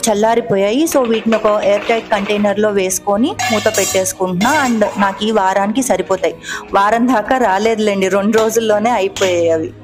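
A woman in her thirties or forties narrating her cooking vlog in a chatty, explanatory way, explaining each step as she goes. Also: medium pitch. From Telugu-speaking India. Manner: chatty, explanatory, mixing English words into Telugu. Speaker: cooking vlogger. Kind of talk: voice-over narration of a cooking video.

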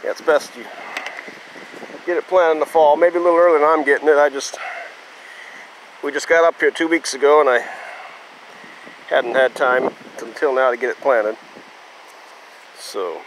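A man's voice: fairly high pitch, moderate pace, long pauses, a bit bright, rough recording. A man casually vlogging outdoors on a farm field, talking in a plain, easygoing, rambling way while working with a phone camera. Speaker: homesteader vlogger. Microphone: phone camera held while working. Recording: heavy wind noise on mic.

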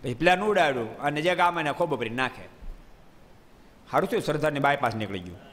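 A man giving a devotional storytelling sermon in a hall, lively and often quizzing his listeners with playful asides. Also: fairly high pitch, fast talker. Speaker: preacher. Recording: long hall reverb.

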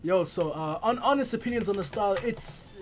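A man's voice: sits high, lively intonation, brisk, a little hiss or hum. A young man commentating gameplay as a hyped gamer bro, casually trash-talking and swearing. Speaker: gaming video host.

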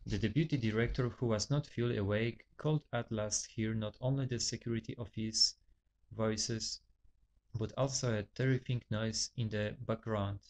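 A man reading his own novel aloud, halting often and correcting his own stumbles. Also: fairly low pitch, fairly even intonation, a little mellow. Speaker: author.

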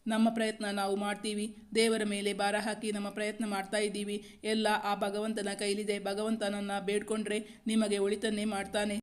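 A grave hospital doctor from a spoken storybook delivers formal, solemn words, as a woman narrator reads him. The voice holds a flat, unvarying pitch. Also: normal speed, natural voice.

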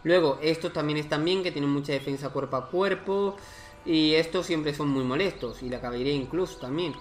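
A man's voice: a little high, a little fast. Chatty man narrating his strategy game. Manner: chatty, thinking aloud, exclaiming. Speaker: gaming YouTuber. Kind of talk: casual let's-play commentary.

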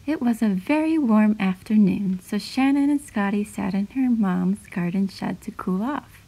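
A woman reading her own children's picture book aloud in a gentle, clear, even storytelling voice. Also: mid-range voice, unhurried, poor audio. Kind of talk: storybook read-aloud narration.

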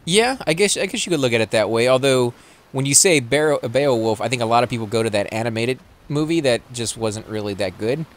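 This man speaks at a medium pitch, expressively, in a Texan accent. He rambles and chats through casual gameplay commentary on his let's-play, laughing easily.

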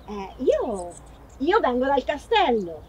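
A woman's voice: sits high, wildly swooping pitch, breathy edge, exaggerated voice. A woman playing a gracious castle lady. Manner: gracious, slow, reciting poetry with feeling. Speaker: actress in a short film. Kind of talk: amateur theatre acting.

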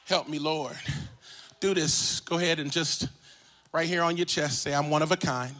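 High, bright-voiced preaching man. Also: normal speed. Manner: call-and-response preaching, swinging from soft asides to sung shouts. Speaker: pastor. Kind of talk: sermon. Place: large church sanctuary.

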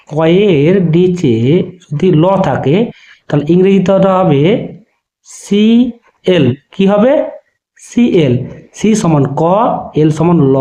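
A man teaching a spoken lesson to students, spelling letters out slowly and often checking that they understood. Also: a little high, mellow. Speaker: online teacher.

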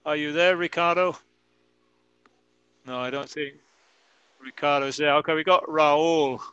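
Slow, bright-voiced male English teacher. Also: a little high, steady tone, clear, resonant tone, no room sound, dull audio. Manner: slow, careful, models pronunciation by repeating sentences. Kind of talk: online class explaining grammar.

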